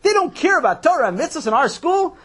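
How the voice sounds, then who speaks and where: A man's voice: extremely high pitch, sing-song, quick pace, a bit bright, full character voice. A man voicing an eager, chatty young boy who rambles in a sing-song way, for a children's audio story. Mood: indignant.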